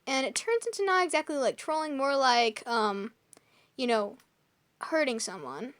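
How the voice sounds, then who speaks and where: Young woman, high voice, chatty co-host, stumbly and filler-heavy, dry close sound. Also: animated, moderate pace, a bit bright, no echo. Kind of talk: casual chat reading a list.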